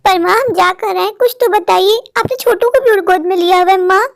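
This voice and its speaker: A woman's voice: extremely high pitch, normal speed, creaky. A woman doing a whiny little cartoon boy. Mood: upset. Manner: whiny, insistent. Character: small boy, anxious, whiny and insistent. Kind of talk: dubbed Hindi cartoon story.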